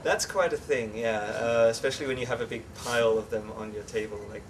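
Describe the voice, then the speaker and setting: A young English teacher, from England but raised in the Netherlands, chats easily as a guest in a casual interview, relaxed and full of fillers and restarts. His medium-pitched voice is fairly quick, he sits some way from the mic, and steady background noise runs beneath him.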